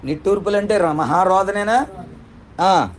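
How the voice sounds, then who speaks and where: Fervent preaching man, slightly high voice. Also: unhurried. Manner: fervent, repetitive preaching with rhetorical questions. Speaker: pastor. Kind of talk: sermon.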